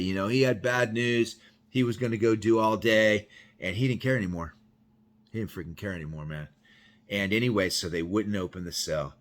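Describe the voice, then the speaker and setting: A man telling a personal story in a loose, rambling way, full of "you know" and "bro.". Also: lowish voice. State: sweaty after yard work. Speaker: vlogger telling personal stories. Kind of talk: casual spoken storytelling.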